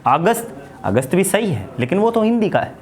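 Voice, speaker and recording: A man teaching spoken English, slowly repeating words and mixing Hindi with English. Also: sits high, big pitch swings.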